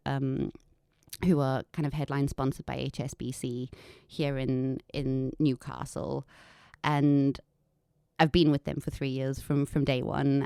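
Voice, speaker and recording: Speaking with a bass, gravelly voice that is warm, clear and resonant, this podcast guest tells her story openly in a relaxed interview. She is in her thirties, has an anglicized South African accent, and works as an environmental consultant who owns a business; the recording is studio quality with no room sound.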